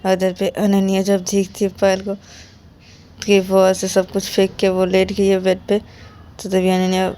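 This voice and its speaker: A woman's voice: mid-range voice, monotone, measured pace, dark tone, soft background music. A woman narrating a romance story in a casual, repetitive way.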